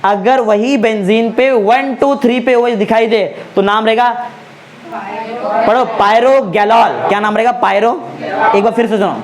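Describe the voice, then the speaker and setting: A man with a fairly high voice teaches a classroom lecture. He keeps stopping to quiz his students with quick check-in questions and slowly repeats each key name so it sticks. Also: fairly even intonation, crowd noise. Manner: repeats names slowly for emphasis. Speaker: chemistry tutor.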